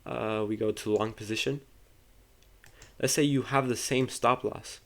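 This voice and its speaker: A man's voice: fairly low pitch, steady tone, a little slow, a bit bright. A man giving a casual screen-share trading lesson, talking loosely, often restarting and correcting himself, and speaking to viewers informally. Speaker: trading tutor.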